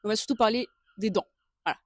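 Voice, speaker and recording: A woman's voice: mid-range voice, fast talker, dry recording. Young female co-host, early twenties, giggly and slangy, casual storytelling, close dry sound. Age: early 20s. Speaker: podcast co-host. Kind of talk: casual chat, personal storytelling.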